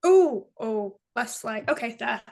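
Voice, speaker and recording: A woman's voice: fairly high pitch, expressive, unhurried, creaky, a little mellow. A young woman from England with a northern English accent, hosting a casual podcast chat, giggly and self-mocking. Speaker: podcast host.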